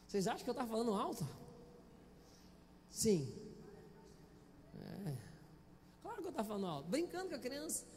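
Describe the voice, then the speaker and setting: A man's voice: very high voice, wildly swooping pitch, normal speed, pauses often, a little mellow, big-room sound, a little hiss or hum. A male pastor with a Brazilian Portuguese accent, preaching a Sunday sermon in a chatty, playful way and often asking the congregation questions, on a handheld microphone in a church. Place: church auditorium.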